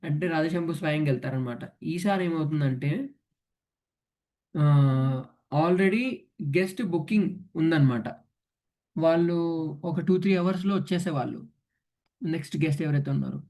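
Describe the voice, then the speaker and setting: Guy with a high voice teaching a devotional class, lively storyteller. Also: moderate pace, long pauses. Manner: animated storyteller, mixing English words into his talk.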